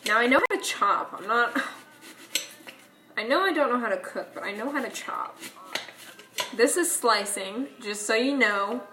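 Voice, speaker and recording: Young woman, high voice, unhurried, self-mocking home-cook vlogger talking to camera. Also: animated, slight background noise. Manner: chatty, self-mocking, talks straight to viewers. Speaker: cooking vlogger. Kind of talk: casual cooking vlog. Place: home kitchen.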